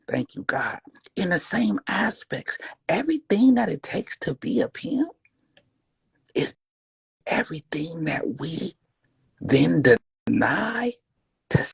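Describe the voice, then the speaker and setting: Husky raspy guy rambling and preaching, slips into whispers, dry sound. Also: high voice, big pitch swings, takes it slowly, pauses often, dry recording. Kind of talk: casual monologue.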